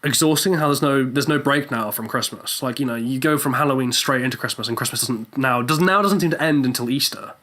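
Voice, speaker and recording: A posh-sounding British man with an RP accent who talks quickly and sarcastically and fills his talk with fillers. He sounds cynical and animated, like a man chatting on a casual podcast. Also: medium pitch. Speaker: podcast co-host. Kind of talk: casual chat. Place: small room in student housing.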